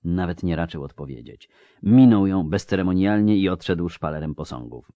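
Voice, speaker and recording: A man narrating an audiobook with expressive, varied delivery. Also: low-pitched, normal speed, no echo, highs cut off. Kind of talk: scripted narration.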